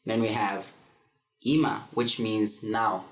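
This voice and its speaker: A man in his twenties from South Africa tutors a casual beginner language lesson, easygoing and full of ums and fillers. His voice is on the low side, fairly even, and slow, in a room with a roomy echo.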